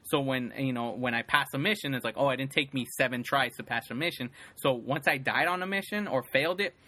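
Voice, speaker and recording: A man co-hosts a casual podcast chat in a bright, forward, mid-range voice at a fairly quick pace. He rambles loosely, piles up fillers, and keeps restarting his sentences.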